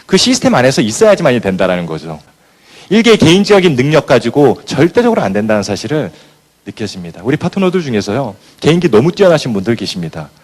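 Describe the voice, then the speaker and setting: A man's voice: medium pitch, quick pace. A man giving a motivational talk to business partners, telling stories and acting out scenes as he goes. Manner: animated storyteller who acts out scenes. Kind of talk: motivational speech with storytelling.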